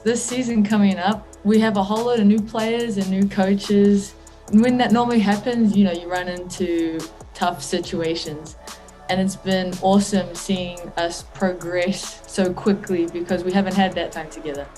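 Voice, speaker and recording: A woman's voice: mid-range voice, steady tone, moderate pace, warm tone, soft background music. A young woman from New Zealand with a New Zealand accent, a college basketball player answering interview questions in an easygoing, thoughtful way. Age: young adult.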